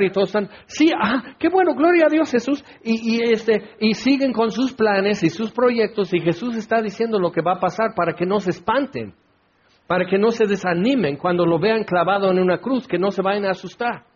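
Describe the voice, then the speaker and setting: A man preaching a sermon in an animated way, acting out the crowd's voices. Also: high voice, breathy edge. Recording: dull lo-fi recording.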